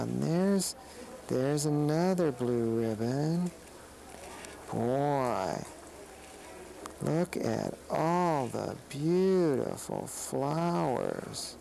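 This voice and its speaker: A performer voicing a friendly snake puppet who gently explains a flower show to children on a kids' TV program. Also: mid-range voice, gravelly, slight background noise, rough recording. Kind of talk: kids' TV field segment.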